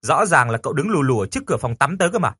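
A man voicing a bossy teenage girl who squeals and scolds in sudden outbursts, in a husky falsetto. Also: sing-song, very fast, pushed and bright, no room sound, studio quality, heavily acted. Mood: indignant. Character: shrill bossy teenage girl, quick to shout.

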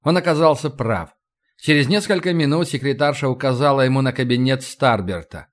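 A man narrating an audiobook in an even, measured reading. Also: mid-range voice. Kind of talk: scripted narration.

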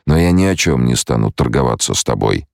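A man's voice: a bass voice, very animated, fairly quick, gravelly, a little mellow, no room sound, studio quality, heavily acted. A man voicing a blind young male ruler who speaks firmly and commandingly in an audiobook. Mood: stern.

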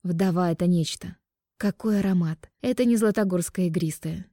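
A woman's voice: fairly low pitch, brisk, dark tone, dry recording. A woman narrating a first-person audiobook in a dry, ironic, composed manner. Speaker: audiobook reader.

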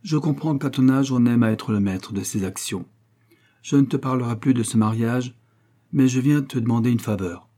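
A man's voice: fairly low pitch, moderate pace, dark tone, lightly acted. A man reading the part of a domineering old inventor who scolds his son in an audiobook. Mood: persuasive. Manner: commanding, heated. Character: domineering old male inventor, quick-tempered father.

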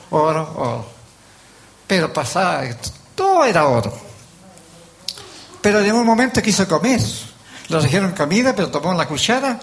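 Older Chilean man, gravelly high voice. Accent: Chilean Spanish. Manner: folksy storytelling, acts out voices. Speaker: lay preacher. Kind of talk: sermon with told stories.

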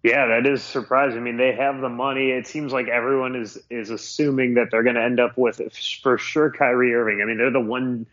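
A man's voice: medium pitch, little pitch movement, brisk, few pauses, a bit bright. A man co-hosting a sports podcast from a muffled, cave-like home room, chatting casually and thinking aloud with restarts. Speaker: podcast co-host. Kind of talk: casual sports betting chat. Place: small makeshift home room in a new house, under a blanket.

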